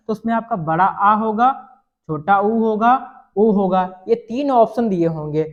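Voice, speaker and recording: Man teaching, answering his own questions. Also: high-pitched. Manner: asks questions and answers them himself; demonstrates vowel sounds aloud. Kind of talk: classroom-style Hindi grammar lesson. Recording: slightly dull lo-fi sound.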